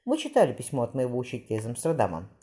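A woman reading the part of a fifty-two-year-old former soldier who speaks calmly and firmly. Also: rumbling low, rapid-fire, full character voice. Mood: earnest. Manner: calm, firm.

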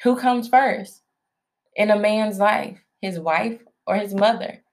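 A woman's voice: medium pitch, slow pace. A woman co-hosting a marriage podcast with her husband, telling stories in a chatty, easygoing way. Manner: chatty storyteller, laughs easily. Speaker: podcast co-host. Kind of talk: casual chat.

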